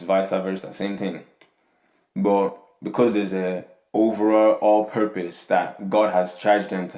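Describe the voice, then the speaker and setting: A young Nigerian man with a deep, slightly mellow voice hosts a podcast, rambling casually about faith and community in an echoey room. He tags his lines with "yeah?" and "you know what I'm saying".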